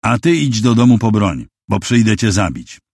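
A man doing a calm, resolute young husband. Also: lowish voice, normal speed, creaky, slightly rough, no echo, heavily acted. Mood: calm, firm. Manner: calm, firm, matter-of-fact.

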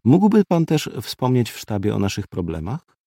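A man's voice: mid-range voice, wildly swooping pitch, moderate pace, mellow, slightly rough, dry recording, studio quality, exaggerated voice. A man voicing a tired woman doctor in a field hospital who speaks in a weary, matter-of-fact way. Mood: pleading.

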